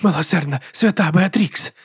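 A man's voice: high-pitched, normal speed, slightly rough, no echo, clean studio sound, voice pushed up. A man reading an audiobook voicing a timid, whining monk who prays in fear. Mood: fearful prayer. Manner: whining, fearful praying.

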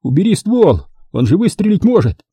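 A man voicing a rough, coarse ex-diver thug. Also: high voice, big pitch swings, moderate pace, warm tone, no echo, voice pushed up, full character voice. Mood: pleading. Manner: coarse, snarling, then pleading. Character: rough, cornered male former diver thug.

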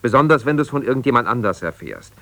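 In a naturalistic 1970s German radio drama built on one-sided phone calls, a male actor plays an ambitious, evasive lawyer who has just separated from his wife. He speaks haltingly, soothing and placating yet exasperated and strained. His medium-pitched voice is animated and a bit bright, with no echo.

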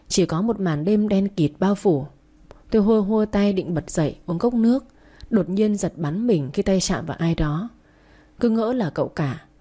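A woman narrating a first-person story as an audiobook, in a steady, even manner. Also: lowish voice.

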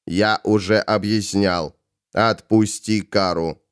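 Man voicing a calm, unyielding inquisitor. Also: lowish voice, smooth, dry recording, clean studio sound, voice pushed down. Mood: firm. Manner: calm, measured, firm. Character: cold, resolute male inquisitor, calm and unyielding. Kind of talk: audiobook character voice.

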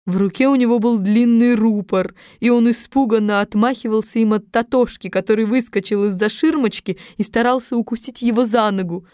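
A woman narrating a children's fairy-tale book in a measured, expressive reading voice. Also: a little high, no echo, clean studio sound. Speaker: audiobook narrator. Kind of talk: scripted storybook narration.

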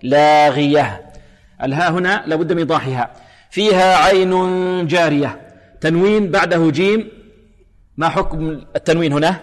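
Man teaching tajweed, slow demonstrations. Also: on the high side. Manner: explains rules, then slowly demonstrates letters and verses. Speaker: Quran recitation teacher. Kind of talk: tajweed lesson with recited examples. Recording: long hall reverb.

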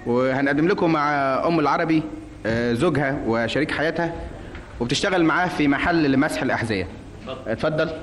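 An Egyptian man hosts a radio interview in quick, coaxing questions, repeating them patiently. His voice sits a little high. An old broadcast sound with a long echo and faint noise surrounds him. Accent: Egyptian Arabic. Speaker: radio host. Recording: old radio broadcast, reverberant and slightly noisy.

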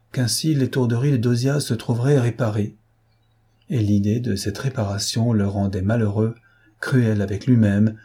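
A man narrating a classic novel in a measured, even reading. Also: lowish voice, breathy edge. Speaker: audiobook narrator.

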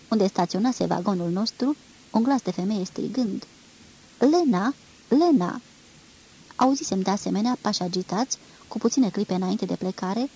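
A woman reading a literary novel aloud in a measured, expressive storytelling manner. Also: mid-range voice, slightly rough, rough recording. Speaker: reader.

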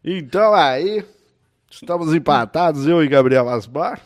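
Lively high-voiced Brazilian podcast host. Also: male voice, a little slow. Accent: Brazilian Portuguese. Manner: laughs often, jokey and crude. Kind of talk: casual podcast banter.

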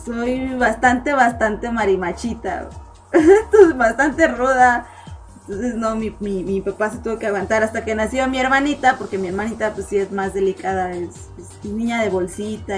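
A woman with a Mexican accent hosting a casual live online chat show, talking with her viewers in a chatty, giggly way and repeating words as she goes. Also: medium pitch. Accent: Mexican Spanish.

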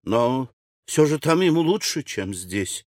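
A male audiobook reader voicing a fussy, anxious older widow who talks in a shrill, excitable way. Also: a little slow, no echo, clean studio sound. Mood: complaining. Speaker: audiobook character. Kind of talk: audiobook character reading.

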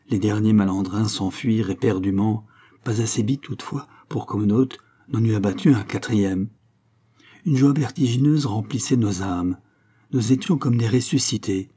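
A man reading a short story aloud as an audiobook narrator, in steady, measured scripted narration. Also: fairly low pitch, slightly rough. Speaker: audiobook reader.

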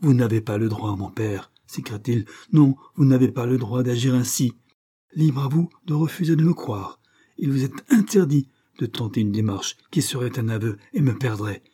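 A man's voice: on the low side, steady tone, moderate pace, few pauses, warm tone, slightly rough. A man voicing a desperate young man accused of theft, speaking in impassioned, pleading outbursts.

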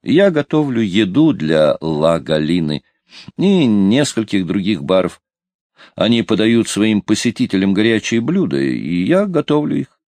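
A man's voice: fairly low pitch, big pitch swings, a little slow, darkish tone, no echo, voice pushed up. A man reading an audiobook, voicing a coy, stubborn young woman. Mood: gentle. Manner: hesitant, teasing.

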